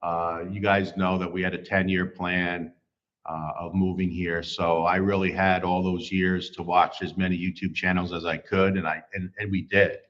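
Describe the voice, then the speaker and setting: Middle-aged male host, deep voice, easygoing filler-heavy livestream talk, slightly muffled sound. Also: level tone, moderate pace, a bit bright. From United States. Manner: rambling, many fillers and restarts. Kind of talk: casual livestream chat, reading viewer comments. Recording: slightly dull livestream audio.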